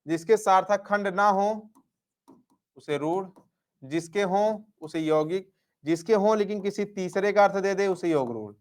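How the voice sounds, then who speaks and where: A man with a high-pitched voice, speaking a little slowly, teaches Hindi grammar through exam questions. He repeats answers, throws out "क्या?" and answers his own question, and gives his students affectionate nicknames.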